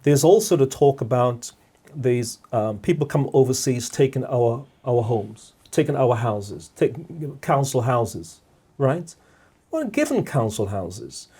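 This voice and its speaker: A middle-aged Guyanese man is a guest on a podcast, talking reflectively in a measured way, repeating words and often checking in with "all right?". His mid-range voice swings widely in pitch and sounds warm with a breathy edge.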